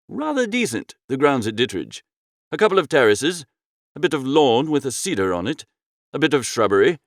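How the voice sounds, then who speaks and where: An audiobook narrator, a man, reads a comic novel in the first person. He sounds fairly high and very animated, with a breezy, theatrical delivery, and the recording is dry and close with no echo.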